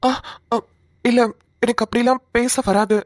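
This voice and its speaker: A woman voicing a timid, lovesick young man in a cartoon, talking softly and hesitantly. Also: fairly high pitch, fairly even intonation, a little slow, dry recording, studio quality, lightly acted. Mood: wistful. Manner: soft, hesitant, pleading. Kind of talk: cartoon voice acting.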